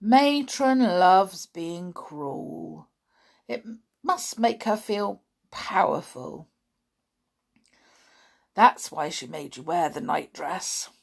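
A woman voicing a kindly old male hospital porter who talks slowly and formally with a slur. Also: high-pitched, lively intonation, creaky, heavily acted. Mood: earnest. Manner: slurred, slow and formal.

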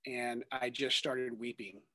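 A man's voice: medium pitch, fairly even intonation, slow pace, sharp tone, no room sound. A man in his thirties, a ministry worker and guest, talking earnestly in a rambling way with many fillers and restarts. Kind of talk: conversational testimony.

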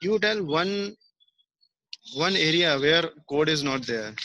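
A man's voice: a little high, expressive, slow, sharp tone, no echo, dull audio. A man with a north Indian accent giving conversational advice, repeating key phrases and using rhetorical questions for emphasis. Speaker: interview guest, software career mentor.

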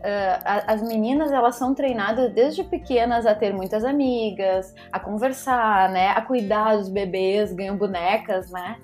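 A woman's voice: medium pitch, a little slow, hardly any pauses, darkish tone, soft background music. A middle-aged woman, a psychologist talking on a podcast in an emphatic way that repeats rhetorical questions. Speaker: psychologist guest. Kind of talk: podcast conversation.

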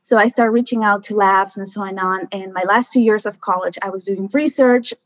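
A woman's voice: medium pitch, fairly even intonation, moderate pace, no room sound. A chatty woman tells her story at an easy pace, with plenty of fillers and restarts. Her voice comes through a dry, slightly dull remote mic with no room sound. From Mexico. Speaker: guest, environmental scientist. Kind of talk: casual conversation.

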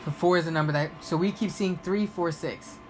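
A man's voice: on the high side, fairly quick, music in the background, low-quality recording. A man in casual chat who laughs often and asks about names and spells them out. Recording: clear background noise.

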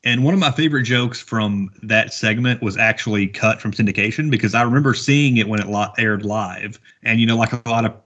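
A man's voice: lowish voice, brisk, hardly any pauses, a bit bright. A man in his thirties co-hosting a podcast in casual chat, rambling with many fillers and chuckling as he goes. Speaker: podcast co-host. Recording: dull lo-fi podcast audio.

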